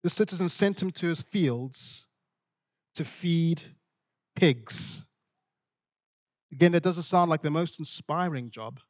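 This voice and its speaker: A man from Zimbabwe with a fairly high-pitched voice preaches an expository sermon woven with storytelling. He speaks in deliberate, dramatic phrases, repeating them for emphasis.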